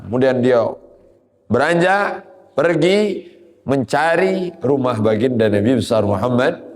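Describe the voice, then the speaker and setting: A man's voice: mid-range voice, long reverb tail. A man giving an Islamic sermon, moving between quoted Arabic and explanation with rising emphasis. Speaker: preacher.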